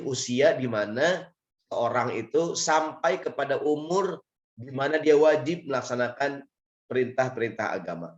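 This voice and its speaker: Male Islamic preacher, Indonesian accent, raspy mid-pitched voice, conversational teaching delivery, slightly muffled lo-fi recording. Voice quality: hoarse, raspy. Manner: conversational, lightly joking, explains step by step. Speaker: Islamic preacher and guest speaker. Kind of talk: informal religious lecture with Arabic recitation. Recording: dull, lo-fi audio.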